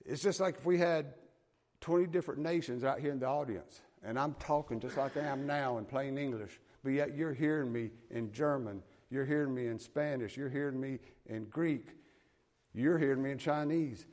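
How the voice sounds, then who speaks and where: Delivering a sermon, a man from the American South reads scripture aloud in a Southern accent and explains it in a folksy, plain way. He has a mid-range voice with a darkish tone and keeps a moderate pace.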